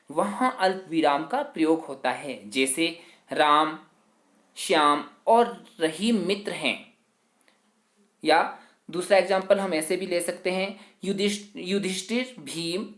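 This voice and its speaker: A man teaching a grammar lesson to students. He explains slowly, works through example after example, and keeps leaning on the same filler phrase. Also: high-pitched, fairly bright tone, echoey room. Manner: slow, explanatory, leans on the filler "jo hai".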